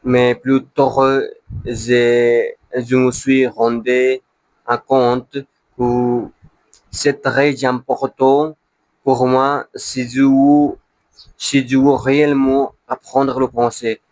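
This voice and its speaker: A man speaks broken, beginner French with a non-native accent, at a very slow pace. He halts to hunt for words and often repeats them, as in a casual practice monologue. His medium-pitched voice is recorded dry, with little room sound. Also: level tone, darkish tone, no echo, low-quality recording. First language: not French, a beginner learner of French. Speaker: language learner.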